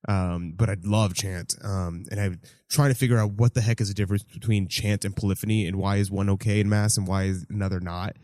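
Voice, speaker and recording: A man's voice: lowish voice, flat delivery, fairly quick, few pauses, a little mellow, no room sound, studio quality. A man hosting a podcast in casual chat, talking hesitantly with many fillers. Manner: hesitant, many ums and uhs, laughs often. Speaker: podcast host and catechism teacher.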